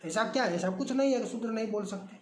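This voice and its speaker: A man's voice: sits high, quick pace, darkish tone, echoey room, a little hiss or hum, low-quality recording. A man giving a spoken religious discourse, emphatic and repetitive, often asking rhetorical questions. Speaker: religious commentator.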